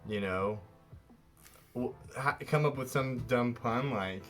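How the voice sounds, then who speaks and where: A man's voice: medium pitch, takes it slowly, fairly bright tone, soft background music. A man co-hosting a casual drawing tutorial, talking in a rambling, playful way and often correcting himself. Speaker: art show co-host.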